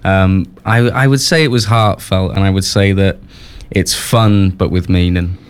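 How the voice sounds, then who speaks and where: Young guy, lowish voice, stumbles and restarts a lot, chatting about his music. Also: steady tone, unhurried, clean tone. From Wales. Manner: hesitant, many restarts. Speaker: musician guest. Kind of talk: casual interview.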